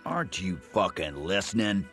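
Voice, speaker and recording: A man's voice: low voice, big pitch swings, normal speed, a bit bright, heavily acted. An actor playing a hostile, threatening male dockworker union boss in a video game. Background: game music.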